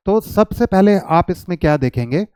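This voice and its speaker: A man teaching an English lesson who explains patiently, spells words out letter by letter and reads example sentences slowly. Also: high voice, expressive, dark tone, clean tone, no room sound.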